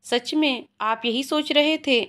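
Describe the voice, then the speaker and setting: A sulky young wife answers her husband in short, huffy, pouting lines, voiced by a woman storyteller. She sounds bashful underneath the irritation. The voice sits fairly high. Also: slow pace, fairly bright tone.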